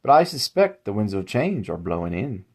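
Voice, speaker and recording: A man's voice: on the low side, very animated, normal speed, husky, exaggerated voice. A man voicing an old male umbrella salesman who is polite and sinister, with courtly, folksy, old-fashioned phrasing.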